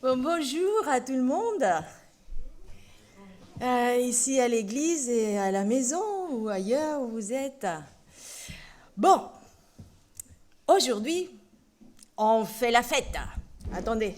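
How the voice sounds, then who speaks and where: A woman's voice: fairly high pitch, slow, long pauses. A woman preacher giving a playful children's sermon in a church. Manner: lively and playful, talking to children.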